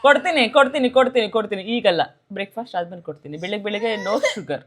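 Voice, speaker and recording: A woman's voice: mid-range voice, fast talker, a little hiss or hum. A woman vlogging at home as a mother, playfully teasing and coaxing her little daughter. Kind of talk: casual family vlog chat.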